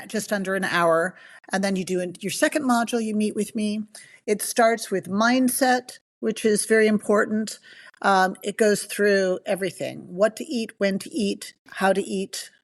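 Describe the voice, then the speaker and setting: Chatty middle-aged woman from the Bahamas. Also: mid-range voice. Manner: enthusiastic, chatty, lively storytelling. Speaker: nutrition coach guest. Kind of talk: casual podcast interview.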